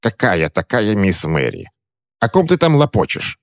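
A man's voice: fairly low pitch, wildly swooping pitch, measured pace, creaky, no echo, voice pushed up, heavily acted. Spiteful cackling-edged old crone, put on by a male narrator, raised voice, snappish, dry close audiobook sound. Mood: scornful. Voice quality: sharp, snapping, mocking. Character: spiteful threatening old woman, suspicious and cranky.

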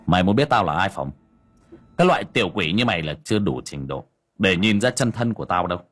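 A man's voice: sits low, animated, fast talker, a bit bright, breathy edge, exaggerated voice. A man voicing a short-tempered young exorcist who barks threats. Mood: menacing. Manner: barking, cursing threats.

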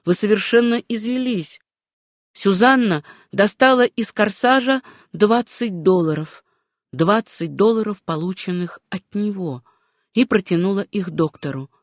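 Woman narrating a novel in a measured, unhurried way. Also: mid-range voice, expressive, dry recording, studio quality. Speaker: audiobook narrator.

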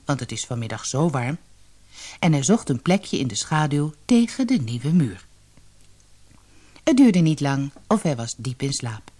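A woman's voice: sits low, breathy edge. A woman narrating a children's fairy tale in a scripted storybook reading, lifting her voice for the characters' lines. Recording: soft music behind the voice.

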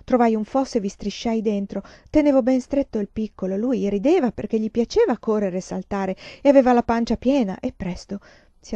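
Warm-voiced woman reading a sombre story. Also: fairly high pitch, dry recording. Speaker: reader. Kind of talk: audiobook reading of a novel. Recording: dull, slightly lo-fi recording.

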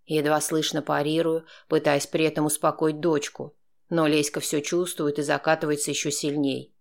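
A man narrating a first-person audiobook in a steady, dry, sardonic tone. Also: a little high, normal speed, gravelly.

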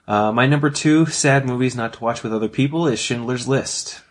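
A man's voice: mid-range voice, normal speed. A man co-hosting a casual podcast chat, rambling and laughing often as he talks. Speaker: podcast co-host.

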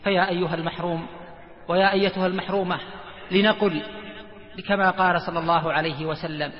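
A man's voice: high voice, fairly even intonation, quick pace. A man preaching a sermon, retelling a story in an earnest, dramatic way with repeated phrases. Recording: echoey, dull lo-fi hall recording.

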